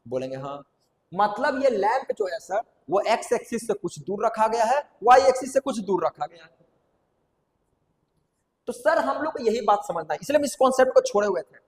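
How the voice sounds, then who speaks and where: A man's voice: sits high, big pitch swings, moderate pace. A man teaching a classroom math lesson, repeating key terms and quizzing students aloud. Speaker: coaching teacher. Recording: echoey room with long reverb.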